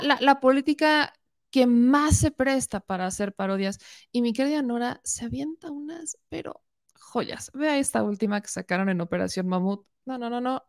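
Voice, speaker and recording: A woman news host, interviewing and commenting in a colloquial, animated way with rhetorical questions. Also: on the high side.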